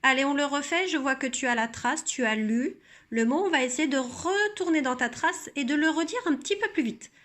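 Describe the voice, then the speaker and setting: A woman teacher calmly explaining a reading method, sounding out syllables slowly and carefully. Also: high voice. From France. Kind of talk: instructional demonstration.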